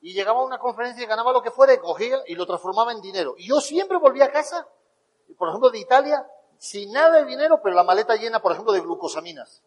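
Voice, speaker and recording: A fast-talking man with a high voice gives an audience a story-driven talk as a motivational speaker. Quotes are acted out animatedly, and the hall adds a long reverb.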